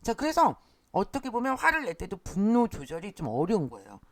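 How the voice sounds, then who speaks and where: Lively woman lecturing with acted asides. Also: medium pitch, a little fast. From Korea. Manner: lively, starts sentences with "자", acts out quoted lines. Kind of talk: explanatory lecture.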